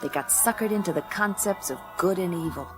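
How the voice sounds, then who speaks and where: A woman speaks a little fast in a voice on the low side, close to everyday speech. She's an actress in a radio play voicing a tough, wisecracking gumshoe who drily narrates her case, blunt and slangy, with music underneath.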